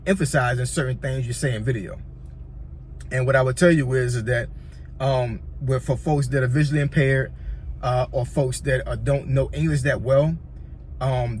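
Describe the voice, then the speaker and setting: In a mid-range voice with a little hiss or hum on the recording, a Virginia man with a Southern accent offers rambling, casual YouTube tips. He tends to repeat himself, checking in with "you know what I'm saying."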